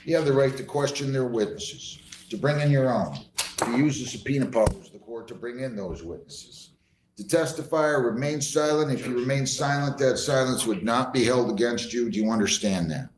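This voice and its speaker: A man's voice: mid-range voice, normal speed. An American man presides as a judge in a courtroom, speaking in a firm, formal way. He lays out procedure and puts plain questions. The room is echoey, with faint noise behind him. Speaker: judge presiding over hearings.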